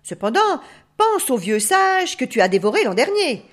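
A woman's voice: high-pitched, sing-song, moderate pace, voice pushed up. A woman voicing an old grandfather wolf who gives gloomy warnings, in a raised voice. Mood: ominous.

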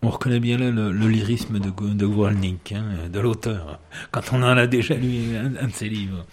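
A man's voice: on the low side, moderate pace, a little mellow, slight background noise. Teasing male co-host on radio. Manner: teasing, dry jokes. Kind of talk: joking radio banter.

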